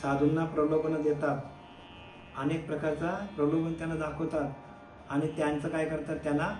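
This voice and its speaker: A high-pitched man gives a devotional discourse as a spiritual teacher. He asks his listeners questions, answers them himself, and draws out chanted verses slowly. The room is echoey, with faint instrumental music behind him. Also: monotone, darkish tone.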